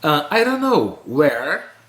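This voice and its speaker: A man with a Brazilian Portuguese accent teaching an English lesson, slowly repeating and translating each phrase. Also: fairly high pitch, sing-song, fairly bright tone, roomy sound. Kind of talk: recorded online language lesson.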